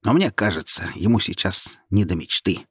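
A female know-it-all ornament talks down to her listener in a snide, patronizing tone, as a man plays her. This storybook figure has a husky voice, recorded close and dry. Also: low-pitched, animated, moderate pace, no echo, heavily acted.

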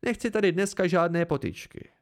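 A man's voice: sits high, pitched above the performer's own voice. A man voicing a blunt, motherly woman at a tavern, firm and commanding.

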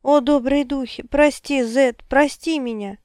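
A woman's voice: sits high, steady tone, a little slow, darkish tone, no room sound, clean studio sound, pitched above the performer's own voice. A woman voicing a desperate young woman who begs forgiveness in a pleading, strained voice in an audiobook.

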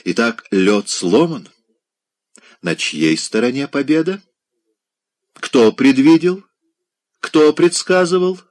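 A man's voice: medium pitch, animated, slow pace, pauses often, darkish tone, voice pushed up. A man voicing a coy, scheming middle-aged provincial lady who pries with wheedling, insinuating questions. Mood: teasing.

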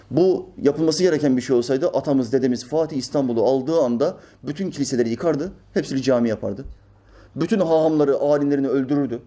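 A man's voice: medium pitch, warm tone. A man preaching in a religious commentary talk, reading out news quotes and answering them with emphatic rhetorical questions.

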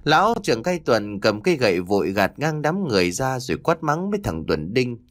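A man's voice: medium pitch, big pitch swings, brisk, no echo. A man narrating a ghost story with dramatic storytelling.

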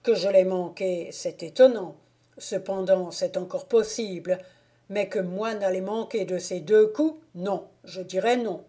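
A woman's voice: medium pitch, a little slow, mellow, natural voice. A woman reading an audiobook and voicing a stubborn, superstitious older male gamekeeper who speaks in blunt, emphatic exclamations. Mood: indignant.

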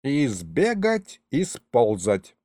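A man voicing a gruff, folksy old grandfather cook with slow village speech. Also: medium pitch, huge pitch swings, mellow, dry recording, studio quality, heavily acted. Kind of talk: audiobook character voice.

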